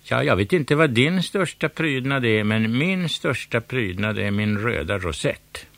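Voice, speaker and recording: Man voicing a storybook young tomcat, cheeky, innocent, slightly raised pitch, dry sound. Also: expressive, vocal fry, a bit bright, dry recording. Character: cheeky good-natured young male cat.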